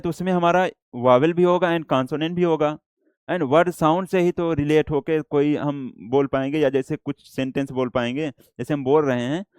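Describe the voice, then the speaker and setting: A man with an Indian accent teaching a shorthand class, explaining slowly and repeating himself, mixing English words into Hindi. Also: fairly high pitch, darkish tone, clean tone, no room sound. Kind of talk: classroom lecture.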